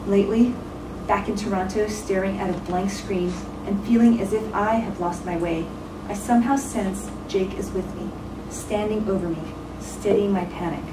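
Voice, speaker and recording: A woman gives a solemn, scripted memorial reading in measured, deliberate phrases. She is picked up from a distance in a roomy, echoing space, with clear noise behind her. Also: medium pitch. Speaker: speaker at a memorial, giving a tribute. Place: reading aloud in a roomy venue.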